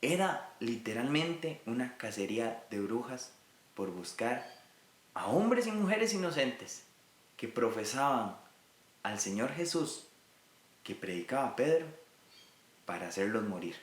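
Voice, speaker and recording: A man's voice: medium pitch, sing-song, a little slow, long pauses, reverberant. A man from Rica, teaching a recorded Bible lesson in an earnest way and speaking directly to his listeners. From Costa Rica.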